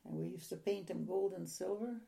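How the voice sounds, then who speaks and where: An older woman who grew up in a Ukrainian-speaking home reminisces during an oral history interview, her speech soft, halting and rambling. Her voice sits on the low side and has a creaky quality.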